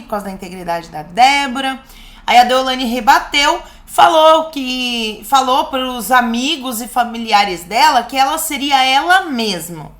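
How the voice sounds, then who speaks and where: A woman's voice: a little high, a bit bright. A woman recapping a reality show in a casual, gossipy way, with sarcastic asides. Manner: gossipy and sarcastic, quoting people in a mocking tone.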